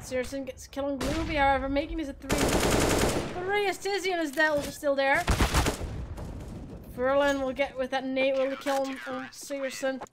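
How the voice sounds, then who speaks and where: A woman's voice: sits high, fairly even intonation, normal speed, very noisy. A woman from the Netherlands with a Dutch accent, in her late twenties, doing casual play-by-play commentary on an esports match and chatting with viewers. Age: late 20s. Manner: chatty, teasing, answers chat questions between calls. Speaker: esports caster.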